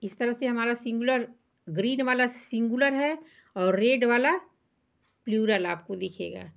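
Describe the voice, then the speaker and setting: A woman's voice: on the high side, unhurried, creaky. A woman teaching children English singular and plural words, patiently spelling them out letter by letter. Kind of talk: children's English vocabulary lesson.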